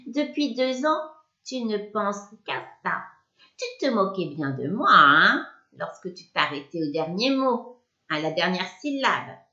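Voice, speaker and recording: A woman voicing a spiteful old witch with a thin, sharp, sour voice and a taunting manner. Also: mid-range voice, very animated, a little slow. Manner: sneering, taunting. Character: spiteful old female witch in a broom closet. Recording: echoey room, dull lo-fi sound.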